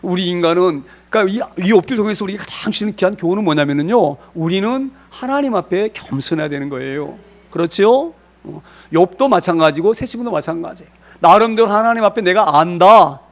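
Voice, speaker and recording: Male pastor giving a sermon, higher voice, keeps asking the crowd questions, slows down to stress words. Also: animated. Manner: asks the congregation frequent rhetorical questions.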